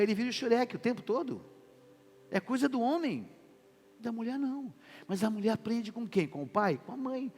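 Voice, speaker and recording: Animated pastor preaching in a hall. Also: male voice, sits high. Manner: animated preaching, acts out quoted wife and husband voices. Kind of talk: sermon. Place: church. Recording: reverberant church hall with music behind.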